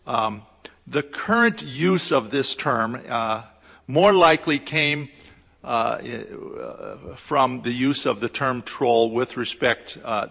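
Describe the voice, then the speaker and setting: A man's voice: medium pitch, bright, forceful tone. Hesitant man lecturing in echoey hall. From United States. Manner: hesitant, explanatory, with frequent pauses. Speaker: law lecturer speaking at a conference. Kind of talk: conference presentation. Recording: echoey hall with long reverb.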